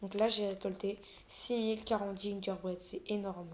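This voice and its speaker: Lady chatting over her gameplay, stumbles on words a lot, lots of "euh", mid pitch, bit of faint noise. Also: fairly even intonation, normal speed. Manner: stammers often; hesitant, many fillers. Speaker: gaming video creator. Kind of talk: casual gameplay commentary.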